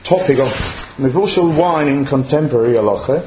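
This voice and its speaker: Speaking a little fast at medium pitch with a darkish tone, a rabbi who came to Chile from abroad and now lives there teaches religious law to a live audience in the room, emphatic and questioning. The echoey room carries faint noise and clicks.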